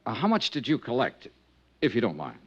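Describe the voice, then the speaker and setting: An actor playing a tough freelance insurance investigator in a 1950s radio drama, brisk and matter-of-fact, also narrating. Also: male voice, medium pitch, huge pitch swings, husky. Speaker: narrator and lead. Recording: dull old radio transcription.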